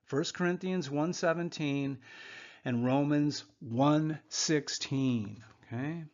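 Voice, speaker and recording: A man teaches a Bible lesson over slides in a relaxed, conversational way. He keeps pausing to check in with a quick "okay?". His voice sits somewhat high, and the recording sounds dull and muffled. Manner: conversational, frequent "okay?" asides.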